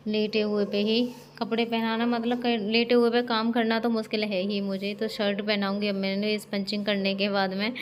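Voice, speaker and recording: A woman's voice: mid-range voice, level tone, moderate pace, hardly any pauses. A young woman vlogging at home, earnestly explaining step by step as she cares for her husband. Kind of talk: casual explanation to camera. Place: home room. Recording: echoey room, faint background noise.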